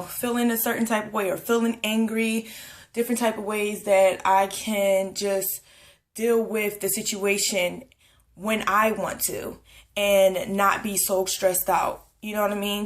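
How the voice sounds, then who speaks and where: A young woman talking casually to her camera in a rambling pregnancy vlog, full of fillers and a little out of breath. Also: medium pitch. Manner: chatty, rambling, many fillers. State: a bit out of breath. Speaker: vlogger. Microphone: camera at close range.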